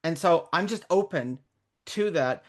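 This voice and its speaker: A woman's voice: fairly low pitch, lively intonation, a little slow. A middle-aged woman raised in Canada, speaking as a guest mentor in a candid interview, earnest and reflective, often restarting her sentences. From born in Northern Ireland, raised in Canada.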